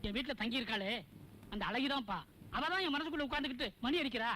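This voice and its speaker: Smitten middle-aged dad, comic film, high voice, fast, grunting interjections. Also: male voice, pushed and bright, a little hiss or hum. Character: smitten middle-aged widower father, soft-hearted. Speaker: father.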